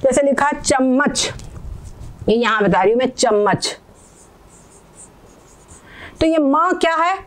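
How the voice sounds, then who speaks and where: A woman teaching Sanskrit pronunciation, patiently explaining and repeating words slowly while checking that learners follow. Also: high voice, lively intonation, background noise.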